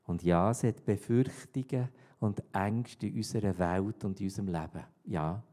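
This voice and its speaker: A man with a Swiss German accent preaching a sermon, repeating his key points and swinging between loud calls and hushed near-whispers. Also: fairly low pitch, moderate pace.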